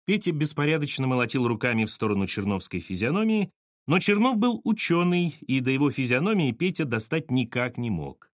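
A man narrating an audiobook in an expressive, animated manner. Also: mid-range voice, brisk, no room sound, clean studio sound.

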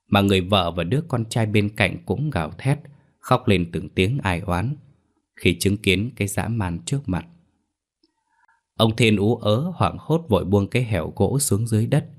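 A man reading a horror story aloud as a storyteller, in a measured, slow manner. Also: low-pitched. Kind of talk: scripted horror story narration.

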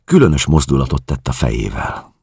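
A man narrating a literary audiobook in a measured, somber way. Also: extremely low pitch, very animated, vocal fry, darkish tone, slightly rough, dry recording, studio quality. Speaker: audiobook reader.

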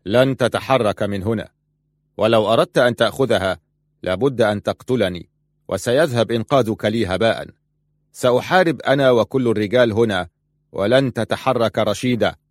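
A man's voice: on the low side, brisk, long pauses, no room sound, studio quality, lightly acted. A man voicing a defiant young man who speaks firmly to protect his family. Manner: firm and resolute.

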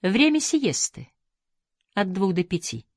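A woman's voice: mid-range voice, sing-song, slow pace, no room sound, clean studio sound, exaggerated voice. A woman playing an icy, curt young woman. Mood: cool. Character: cool, guarded young woman, sharp-tongued.

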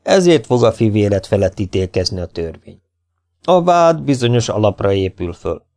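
A man reading the lines of a calm, unshakable lawman in an audiobook, firm and deliberate. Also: lowish voice. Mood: stern.

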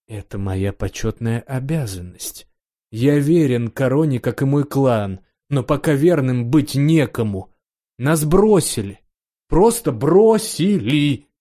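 A man's voice: medium pitch, animated, a little slow, mellow, natural voice. A male narrator voicing a defiant young duke in an audiobook, speaking with accusing indignation. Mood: bitter.

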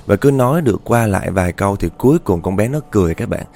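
A man's voice: fairly low pitch, animated, fast, gravelly, a little mellow. A man telling a ghost story in a chatty, dramatic way, often speaking straight to his listeners.

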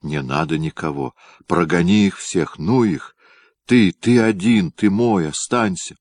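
A man's voice: measured pace, no echo, studio quality. A man voicing a willful, clingy young tsaritsa in a read-aloud historical story, pleading in a raised voice. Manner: pleading, higher and louder than the narrator. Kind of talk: audiobook reading.

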